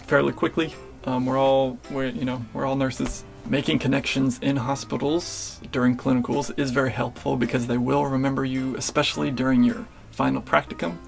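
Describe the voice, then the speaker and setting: A young man in his twenties, a nurse answering viewer questions in a relaxed vlog style, with many fillers and restarts. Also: mid-range voice, gravelly. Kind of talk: casual Q&A vlog.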